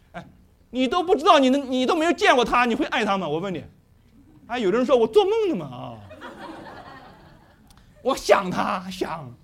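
A middle-aged man preaching with a high voice. His pitch leaps and swoops as he keeps questioning the congregation in a lively way. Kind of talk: sermon.

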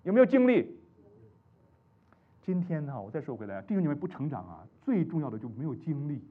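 A male pastor preaching a sermon, animated and rising to emphatic peaks. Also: mid-range voice, fast, husky. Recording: dull lo-fi recording.

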